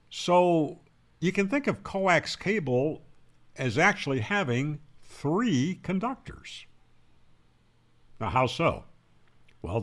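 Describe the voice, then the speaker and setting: A ham radio presenter with a slightly high, somewhat bright voice walks through an explanatory tutorial. His style is forceful and instructive, built around questions he then resolves.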